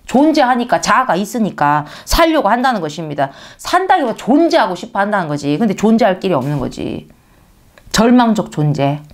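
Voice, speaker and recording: A woman delivers a sermon as if chatting with her congregation, asking rhetorical questions and answering them herself. Her voice sits at a middling pitch but swings widely for emphasis. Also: brisk. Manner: conversational, asks listeners rhetorical questions; animated, pitch leaps for emphasis. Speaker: preacher.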